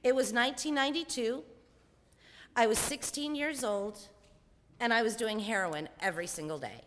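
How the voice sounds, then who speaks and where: A woman's voice: on the high side, normal speed, a bit bright, slight background noise. Lady in her 40s telling her own story on stage, dry humor, echoey hall sound. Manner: candid, wry storytelling. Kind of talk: personal monologue on stage.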